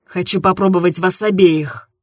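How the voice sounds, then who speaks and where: A calm, self-assured man speaking softly and coaxingly, his voice set a touch lower and quieter than the narration, as a female reader acts him out. The sound is husky and close, with a dry recording. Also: moderate pace, dry recording, close to an everyday voice. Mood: gentle. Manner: soft and coaxing. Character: calm, confident adult man, gentle lover.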